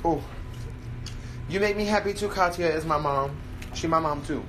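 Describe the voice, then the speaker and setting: A man's voice: on the high side, normal speed. A young man, a sassy drag queen, chatting casually and playfully bantering on a livestream. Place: indoors, backstage hallway, elevator and dressing room. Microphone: handheld or propped phone. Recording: echoey, noisy handheld phone livestream.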